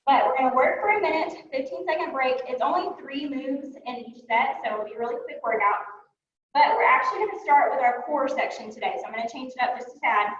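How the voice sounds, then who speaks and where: A woman's voice: sits high, animated, quick pace, fairly bright tone. A woman fitness instructor cueing a workout class, talking while she moves and sounding a little winded, with frequent fillers. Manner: talks while moving and exercising. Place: fitness studio. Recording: echoey room, distant mic, dull sound.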